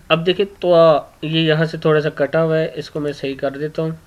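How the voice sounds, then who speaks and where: A man teaching children to read sounds letter by letter, repeating each one several times and often clearing his throat. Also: fairly high pitch, level tone, moderate pace. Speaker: Quran reading teacher. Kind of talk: slow letter-by-letter lesson for children. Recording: dull lo-fi recording.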